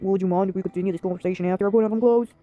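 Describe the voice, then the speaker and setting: A woman voicing a blunt, dry-humored young woman in a story game, a bit lower than her own voice. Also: fairly even intonation, rapid-fire, no room sound, highs cut off, faint music behind, lightly acted.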